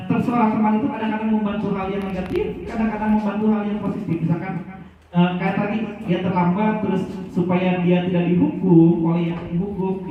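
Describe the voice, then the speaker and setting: A man with a fairly high voice teaches in a loose, chatty way and acts out student dialogues as he goes. He sounds far from the mic, with strong room echo all around him. The sound is dull. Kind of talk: informal lecture with acted classroom examples.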